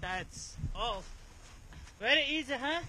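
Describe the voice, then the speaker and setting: Man, paragliding pilot, simple broken English, high-pitched, windy outdoor camera audio. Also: animated, slow. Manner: short repeated commands, simple broken English. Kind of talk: casual instructions and chat. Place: outdoors on a hillside and in flight.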